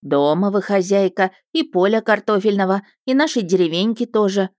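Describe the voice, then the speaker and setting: A woman's voice: medium pitch, normal speed, a little mellow, dry recording, studio quality, lightly acted. A woman voicing a fussy, doting village peasant woman who clucks and laments in folksy speech. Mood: fussing.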